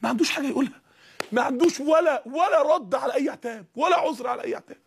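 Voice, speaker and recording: A man with an Egyptian Arabic accent preaching a fiery sermon, firing rhetorical questions and rising to shouts. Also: very high-pitched, racing, creaky, slight background noise.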